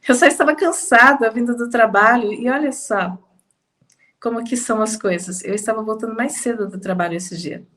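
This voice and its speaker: A woman with a Brazilian Portuguese accent telling a personal testimony in a slow, emphatic conversational way, slightly congested. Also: on the high side. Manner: slow, emphatic, with pauses and soft laughs. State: slightly congested, fighting sneezes. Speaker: testimony speaker.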